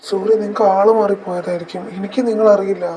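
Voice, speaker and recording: A woman voicing a calm, puzzled young man who lost his memory, in a fan audio drama. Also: mid-range voice, fast talker, slight background noise, close to an everyday voice. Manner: polite, matter-of-fact explaining.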